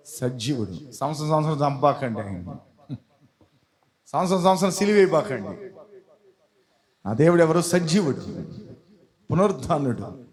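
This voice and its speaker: A man's voice: on the high side, darkish tone. A man preaching an emphatic sermon and acting out stories in different voices. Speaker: pastor.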